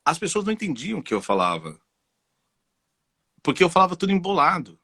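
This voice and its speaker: Speaking with a Brazilian Portuguese accent, a voice and communication specialist guests on a relaxed interview, sharing lively personal stories peppered with "entendeu?". His voice is husky, bright, forceful, a little high and brisk. The recording is dry and close, with no echo.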